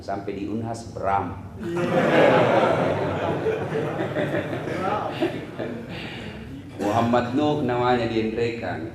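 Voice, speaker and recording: A man's voice: on the low side, roomy sound, noisy background. A man preaching a humorous sermon, telling stories with jokes. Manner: animated storytelling with jokes.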